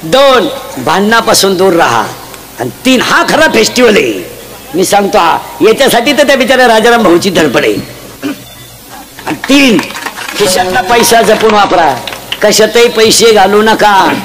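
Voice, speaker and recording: A man preaching a humorous devotional sermon, punchy and jokey, quizzing the crowd with sharp calls. He speaks into a stage mic at an outdoor gathering. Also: sits high, sing-song, moderate pace. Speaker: kirtan preacher. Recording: loud crowd and heavy background noise.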